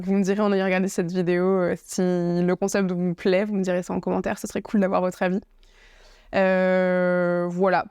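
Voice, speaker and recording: A woman's voice: mid-range voice, a little mellow, no echo, clean studio sound. A woman with a French accent talking to camera in her home office, chatty and full of fillers and restarts. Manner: chatty, many fillers and restarts, playful asides. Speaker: YouTuber presenting a book review. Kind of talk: casual talking-to-camera vlog. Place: home office with bookshelf, indoors. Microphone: camera facing her, laptop notes in front.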